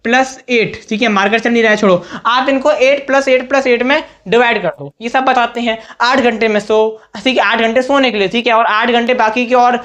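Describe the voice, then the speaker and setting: A man's voice: very high-pitched, fairly even intonation, fairly quick, few pauses, fairly bright tone. A young man teaching students at a whiteboard, talking in a direct, coaching way and often checking in with "okay". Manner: direct, coaching tone, frequent "theek hai" check-ins. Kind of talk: whiteboard study-tips lesson.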